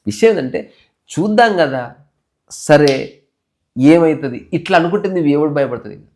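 Animated man. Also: on the high side, moderate pace. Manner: animated, swings between loud emphasis and soft asides. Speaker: podcast storyteller. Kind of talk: spiritual storytelling.

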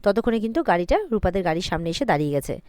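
A woman's voice: on the low side, expressive, a little mellow, no echo. Dry-voiced woman recapping a serial. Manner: brisk retelling with frequent "she says" tags. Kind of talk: casual spoken episode recap.

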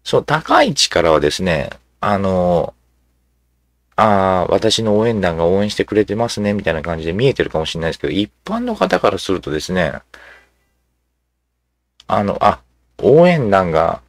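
A man giving casual commentary as he reads social media replies aloud, musing and halting, with many fillers and asides. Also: deep voice, big pitch swings, no room sound, clean studio sound.

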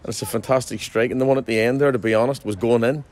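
A man's voice: medium pitch, fairly even intonation, very fast, a little mellow. A man in his forties, a football manager, giving a chatty post-match interview outdoors at a ground at night, restarting sentences often. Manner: chatty, frequent restarts and fillers.

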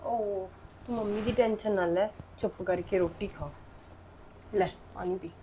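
A woman with a Punjabi accent playing a gentle daughter-in-law who soothes and pleads. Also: medium pitch, unhurried, slight background noise, close to an everyday voice. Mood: soothing.

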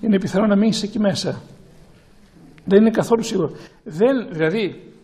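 A male priest giving a sermon to a gathering and taking questions, speaking slowly and haltingly with many restarts and repeated words. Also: high voice, mellow.

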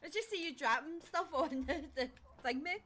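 A woman's voice: sits high, animated, normal speed, bright, forceful tone. A woman streaming a ghost-hunting game, chatting casually and shrieking and laughing when startled. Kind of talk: casual gaming chat.

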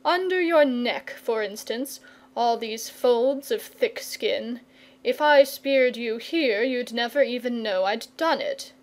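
A woman's voice: on the high side, slow. A woman voicing a confident, patient knight in a storybook, earnest, courteous and persuasive. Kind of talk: storybook character reading.

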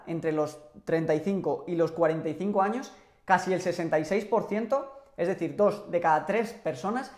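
Man explaining finances, roomy sound. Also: high-pitched. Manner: animated hand gestures, measured explanatory delivery. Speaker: personal finance youtuber. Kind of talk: explanatory to-camera talk. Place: small home office room. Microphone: lapel mic.

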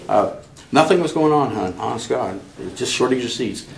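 An older man, a guest in an interview, telling stories in a halting way with many restarts. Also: medium pitch, lively intonation, vocal fry, echoey room, slight background noise. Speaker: interview guest, chapter member. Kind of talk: conversational storytelling.

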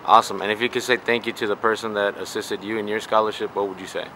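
A man asking interview questions off camera, upbeat and quick to say awesome. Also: lowish voice, fairly even intonation, bright, forceful tone, slight background noise, rough recording. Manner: upbeat, keeps saying awesome.

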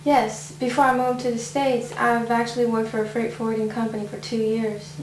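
A woman's voice: a little high, level tone, a little fast, natural voice. Woman playing a young job applicant, echoey room. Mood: polite. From Taiwan. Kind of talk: low-budget film acting. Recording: echoey room, mic far off, noisy.

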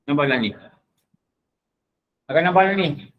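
A man with a Malaysian Malay accent giving a religious lecture in a mosque. He drills pronunciation, slowly drawing out recited phrases and quizzing his listeners. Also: fairly high pitch, dull audio. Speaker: religious teacher.

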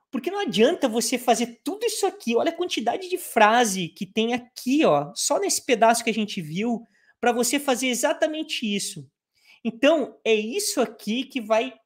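A Brazilian woman, a native Portuguese speaker, teaching English in a live online lesson and drilling phrases slowly, piece by piece. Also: fairly high pitch.

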